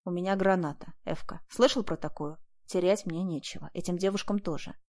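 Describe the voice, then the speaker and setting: A woman reading an audiobook, voicing a calm, resolute Uzbek man who speaks low, steady and commanding. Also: a little fast. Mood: cold commanding.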